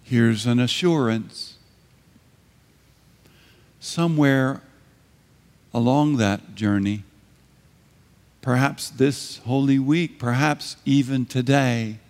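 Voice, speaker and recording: Male preacher, unhurried and reflective, delivering a sermon with long pauses in a reverberant church. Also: mid-range voice, darkish tone.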